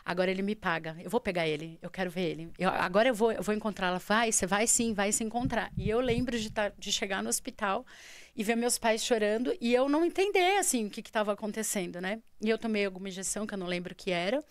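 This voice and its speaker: A woman with a Brazilian Portuguese accent, a podcast guest telling a personal story in an animated way and acting out the dialogue. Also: mid-range voice, fast, smooth, no echo. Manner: animated, acts out quoted dialogue.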